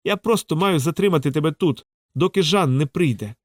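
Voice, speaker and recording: A man reading aloud gives a bloodied young thief in a storybook duel a frantic, strained voice, lifted higher than the narration. He sounds half-mad and desperate throughout. The recording is dry and close. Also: expressive, fairly quick, no echo. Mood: frenzied defiance.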